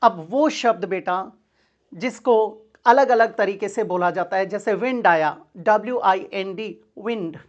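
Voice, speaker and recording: A woman's voice: mid-range voice, measured pace, lo-fi sound. A woman teaching an English grammar lesson for exam preparation, asking her class questions and answering them herself, calling her students "beta".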